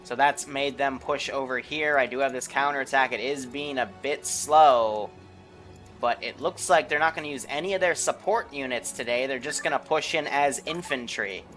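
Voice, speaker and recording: Bright man on livestream headset audio. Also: mid-range voice, moderate pace, faint music behind. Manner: casual, thinking aloud while playing. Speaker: streamer running the mission as game master. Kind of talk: live gameplay commentary.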